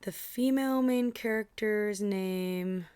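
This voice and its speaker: Taking it slowly, a young woman with a medium-pitched voice, warm and clean in tone, hosts a live read-along stream. She sounds tired and slightly scratchy as she chats with plenty of fillers and side comments.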